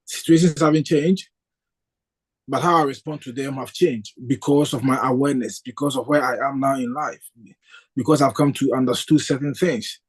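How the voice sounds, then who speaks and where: A Ghanaian man joins a spiritual discussion over a video call, speaking thoughtfully and hesitantly with frequent fillers. His mid-range voice moves at a normal speed and sounds slightly rough.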